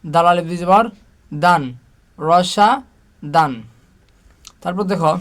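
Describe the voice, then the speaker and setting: Male Quran teacher, fairly high voice, slow patient letter-by-letter drilling. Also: fairly bright tone. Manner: slow, patient drilling, asking and answering his own questions. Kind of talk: spelling Arabic letters aloud with vowel marks.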